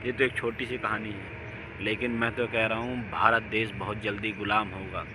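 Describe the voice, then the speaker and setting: A man giving an impassioned, preachy monologue, his voice swinging from emphatic outbursts down to low, quiet lines. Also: flat delivery, moderate pace, noisy background. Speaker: religious speaker.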